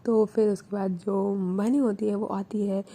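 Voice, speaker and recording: A woman's voice: medium pitch, little pitch movement, normal speed, mellow, breathy edge. A young adult woman telling a love story in a casual, chatty way, with frequent English fillers.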